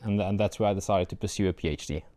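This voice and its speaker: Interviewed about his doctoral research, a young Afrikaans-speaking man from South Africa replies in an earnest, measured manner, dotted with fillers. His South African-accented voice is low and mellow.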